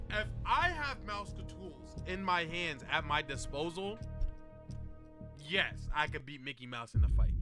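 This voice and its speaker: A man's voice: sits high, pushed and bright. Slangy young man reacting to clips. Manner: joking, slangy, says "bro" a lot. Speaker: streamer reacting to animations. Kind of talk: casual reaction commentary.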